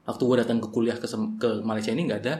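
A man's voice: lowish voice, fairly even intonation, rapid-fire, mellow. A man from Semarang with a Central Javanese accent, co-hosting a podcast in casual chat and mixing in English phrases. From Semarang, Central Java. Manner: code-switches Indonesian, Javanese and English. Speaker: podcast co-host. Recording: echoey room.

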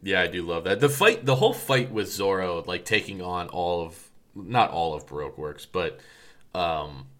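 A man's voice: deep voice, normal speed, fairly bright tone. A man co-hosting a casual podcast, rambling with lots of fillers and restarts. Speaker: podcast co-host.

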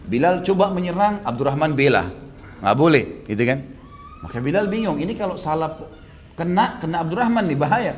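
A man's voice: brisk, a little hiss or hum. A man preaching a sermon in a casual storytelling way, acting out the quoted lines with a raised voice and dropping back after each. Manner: lively, acts out quoted lines with raised pitch; casual with frequent tag phrases. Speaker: Islamic preacher.

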